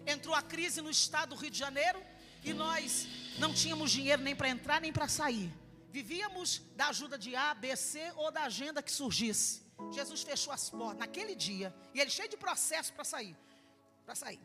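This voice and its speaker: A middle-aged woman with a Brazilian accent preaching a fervent sermon with personal testimony, building up to shouts. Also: high voice, lively intonation, moderate pace. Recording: echoey hall with faint music.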